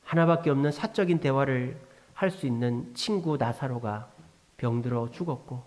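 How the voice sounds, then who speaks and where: A male pastor preaching a sermon in an animated way, asking his congregation rhetorical questions. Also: mid-range voice, moderate pace.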